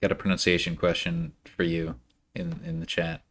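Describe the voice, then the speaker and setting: A man giving casual live commentary on a card game, animated and quick to jump into high-pitched reactions. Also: creaky.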